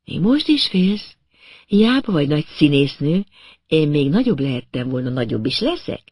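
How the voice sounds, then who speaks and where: A man's voice: on the high side, very animated, darkish tone, no echo. A man reading an audiobook, voicing an unhinged young woman who is obsessive and menacing. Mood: feverish. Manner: feverish, fixated, menacing.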